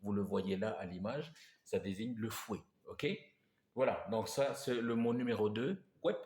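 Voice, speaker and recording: Male teacher, slow, patient delivery, repeats words, echoey room. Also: fairly low pitch, darkish tone. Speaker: language teacher. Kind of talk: slow language lesson.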